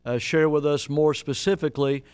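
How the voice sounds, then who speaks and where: Smooth-voiced joking pastor, a man. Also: a little high, steady tone, normal speed, darkish tone, no room sound. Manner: folksy, joking, with frequent fillers. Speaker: pastor introducing a guest missionary. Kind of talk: church service introduction.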